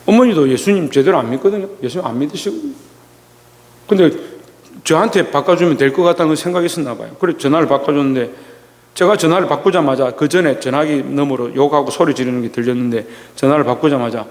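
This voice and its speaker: A male pastor giving a Sunday sermon, telling a personal story slowly with many pauses and restarts. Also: on the high side, in a large hall. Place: church sanctuary.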